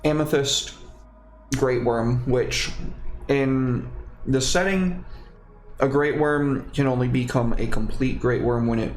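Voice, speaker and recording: A man's voice: mid-range voice, slow, soft background music. A man narrating a tabletop game casually as game master. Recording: roomy echo, clear background noise.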